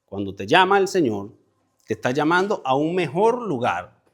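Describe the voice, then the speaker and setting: A man's voice: a little high, sing-song, moderate pace. Man teaching a congregation, repeating key words. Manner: explains word meanings step by step and calls on listeners by name. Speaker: preacher leading a Bible study. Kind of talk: conversational Bible teaching. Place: church meeting with a congregation present.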